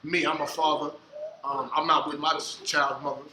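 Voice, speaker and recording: A man hosting a casual podcast interview, joking and bantering loudly in slang. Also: a little high, level tone, moderate pace, echoey room, noisy background. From United States. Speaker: podcast host.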